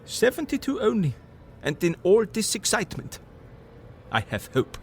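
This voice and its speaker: Van Helsing, fervent older professor. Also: male voice, high-pitched, big pitch swings, normal speed, a little mellow, soft background music. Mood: excited, eager. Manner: foreign, ungrammatical English, emphatic oratory. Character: earnest older male professor, vampire hunter, eccentric and fervent. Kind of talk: audio drama acting.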